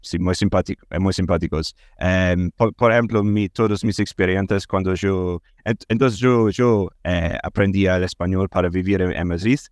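Low-voiced Scottish man speaking halting Spanish. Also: fairly even intonation, darkish tone, no echo, studio quality. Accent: Scottish accent in Spanish. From Scotland. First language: English. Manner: halting, searching for words and repeating them. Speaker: interview guest, language learner and former English teacher. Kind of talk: conversational interview in non-native Spanish.

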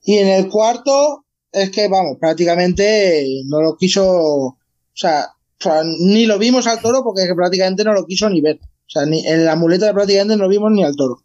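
A man in casual podcast chat, halting and repeating his words. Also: high voice, animated, darkish tone. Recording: dull lo-fi sound.

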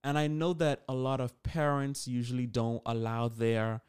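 Mid-range and level, the voice belongs to an 18-year-old man who runs his own podcast alone. He speaks at normal speed in a casual, conversational way, often correcting himself. His tone is clean but darkish.

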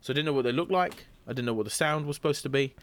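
A man's voice: on the high side, very fast. A man co-hosting a podcast, chatting casually with wry, rambling musings full of hesitations. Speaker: podcast co-host. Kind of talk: casual chat.

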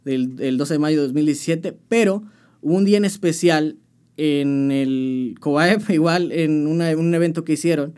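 A young Mexican-accented musician speaks in a slightly high, clean, a little mellow voice at a moderate pace. Chatting casually in an interview, he tells his story with slang and keeps restarting.

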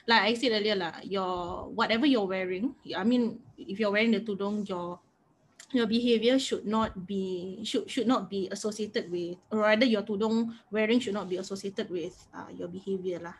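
A woman's voice: mid-range voice, a little hiss or hum. A woman with a Singaporean accent chatting casually with Singlish particles, earnest and reflective.

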